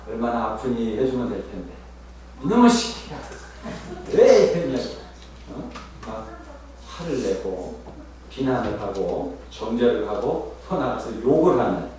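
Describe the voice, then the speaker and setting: A male pastor preaching a sermon with a very lively voice that leaps up and sinks low as he presses his points and asks the congregation questions. He sounds set back from the microphone in a strongly echoing sanctuary, with a faint hiss underneath. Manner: lively, rising and dropping sharply for emphasis, addresses congregation directly. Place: church sanctuary. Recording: echoey sanctuary, mic at a distance, faint noise.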